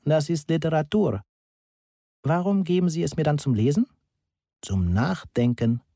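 A man voicing a calm, pedantic male math teacher in an audiobook, speaking slowly and deliberately. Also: fairly high pitch, no room sound, studio quality, pitched above the performer's own voice. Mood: patient. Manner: slow, deliberate, lecturing. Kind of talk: audiobook character reading.

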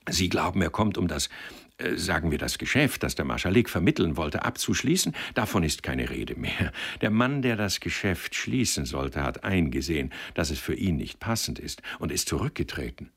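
A male reader voicing a shy, gentle young man who speaks softly and hesitantly. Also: low-pitched, big pitch swings, moderate pace, creaky, husky, exaggerated voice. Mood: explaining. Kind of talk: audiobook character reading.

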